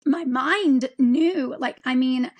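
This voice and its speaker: A woman of forty, an interview guest, telling her own story in a halting way with frequent ums and restarts. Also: high-pitched, rough recording. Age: 40s. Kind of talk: candid personal account.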